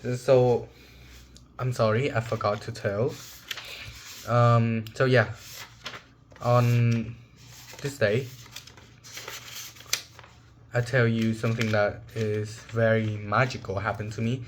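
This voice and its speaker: Slow, halting young man sharing a story. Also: mid-range voice, little pitch movement, a little hiss or hum. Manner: halting, searching for words, emotional. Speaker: vlogger. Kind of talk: personal reflective monologue.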